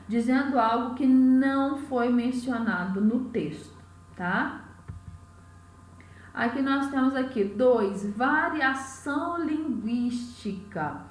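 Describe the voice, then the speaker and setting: Goiás teacher in an echoey room. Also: female voice, sits high. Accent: Goiás Brazilian Portuguese. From Goiás, Brazil. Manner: explains step by step, often asks "né?" and "tá?". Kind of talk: exam-prep lecture. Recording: echoey room, mic at a distance.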